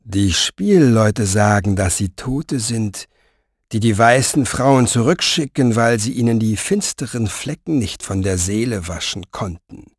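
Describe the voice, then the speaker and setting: Man doing a soft velvety scheming villain. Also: fairly low pitch, lively intonation, breathy edge, no room sound, studio quality, heavily acted. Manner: soft, velvety, slow, menacing. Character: smooth scheming male sorcerer-reader, soft-voiced and menacing.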